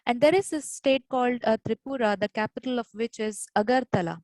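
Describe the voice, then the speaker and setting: A woman's voice: a little high, brisk, a little mellow, no room sound, rough recording. A woman from India giving an academic webinar lecture over a video call, explaining patiently with frequent "uh" fillers. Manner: hesitant, many "uh" fillers, explanatory.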